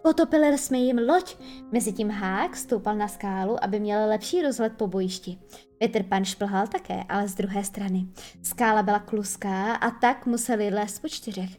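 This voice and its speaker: A woman narrating a children's storybook in a lively, expressive way. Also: medium pitch, soft background music. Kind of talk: storybook reading.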